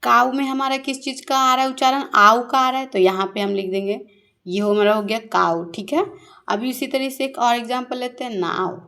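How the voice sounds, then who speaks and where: A woman teaching a shorthand lesson. She asks her pupils questions, answers them herself, and repeats the key words slowly. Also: a little high, fairly even intonation, gravelly, pushed and bright. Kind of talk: classroom-style shorthand lesson.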